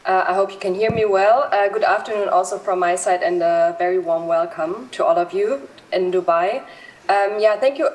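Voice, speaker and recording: A woman giving a conference presentation in a measured way, with many "um"s. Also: mid-range voice, low-quality recording. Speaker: panel speaker from civil society.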